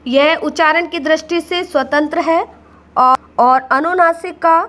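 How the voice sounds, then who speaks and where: A woman's voice: high voice, fairly even intonation, a little slow, a bit bright. A woman teacher giving a patient grammar lesson, repeating each word and addressing the children directly. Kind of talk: slow classroom explanation.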